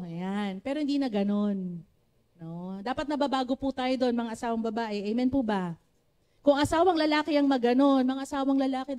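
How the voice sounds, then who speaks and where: A woman with a Filipino accent preaching a sermon to a church congregation, with a naturally loud voice, often calling on the congregation to respond. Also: fairly high pitch. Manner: switches between Tagalog and English, asks the congregation for responses.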